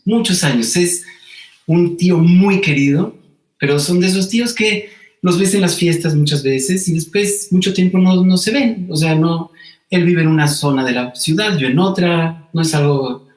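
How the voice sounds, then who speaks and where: A man, telling a personal story as an interview guest in an earnest, emotional manner with frequent repetitions. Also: fairly high pitch. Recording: roomy echo.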